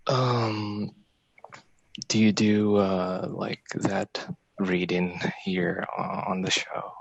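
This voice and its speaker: Deep, gravelly man from Algeria calling in. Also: no echo, dull audio. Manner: excited, halting, many fillers. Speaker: caller. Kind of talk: call-in conversation.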